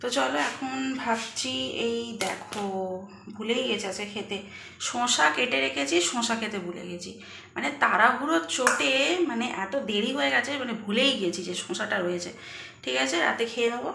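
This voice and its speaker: A woman's voice: on the high side, moderate pace, gravelly, reverberant, background noise. A woman in her thirties chatting casually to her viewers while she cooks and cleans in her home kitchen. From Bengal. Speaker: vlogger. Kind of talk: casual vlog narration to viewers.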